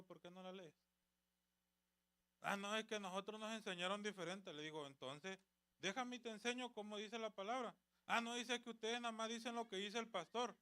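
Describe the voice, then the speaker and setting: A man's voice: high voice, sharp tone, smooth. A man preaching at a church youth service, exhorting with rhetorical questions and retelling conversations. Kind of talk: sermon.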